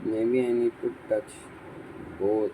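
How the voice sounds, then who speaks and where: A man vlogging about his electronics project, thinking aloud in a halting way and often restarting sentences, sounding sleepy. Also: on the low side, little pitch movement, noisy background. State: sleepy, yawning. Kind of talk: thinking aloud while tinkering.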